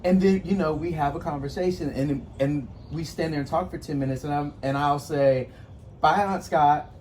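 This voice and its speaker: A man's voice: on the high side, fairly even intonation, fairly quick, darkish tone, slight background noise. Earnest, reflective man in casual talk. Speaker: podcast host. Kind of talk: casual conversation.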